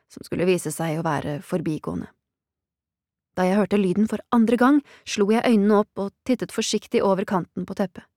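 Woman narrator, wry and deadpan, mid-pitched voice, dry close sound. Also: dry recording. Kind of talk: scripted audiobook narration.

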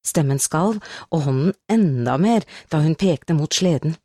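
A woman narrating a novel as an audiobook, in a steady, measured storytelling manner. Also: low voice, no echo, clean studio sound. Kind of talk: scripted narration.

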